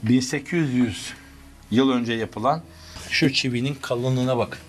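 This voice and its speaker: A man's voice: medium pitch, unhurried, soft background music. Dramatic male history tour guide. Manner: dramatic, addresses viewers and crew directly. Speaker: history vlog host and guide. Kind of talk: spoken on-location tour narration. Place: underground stone passages beneath old city. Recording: echoing underground chamber.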